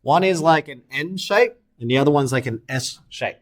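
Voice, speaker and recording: A man's voice: on the high side, animated, moderate pace. A man teaching a recorded maths lesson, asking questions and answering them himself, correcting his sketches as he goes. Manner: talks students through steps, asks and answers own questions; self-correcting while sketching on screen.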